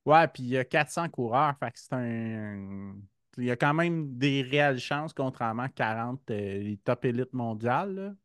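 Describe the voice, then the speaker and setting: A man's voice: mid-range voice, animated, moderate pace, smooth, no echo, studio quality. A man with a Québécois French accent hosting a podcast, asking easygoing questions with hesitations. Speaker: podcast host. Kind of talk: casual interview questions.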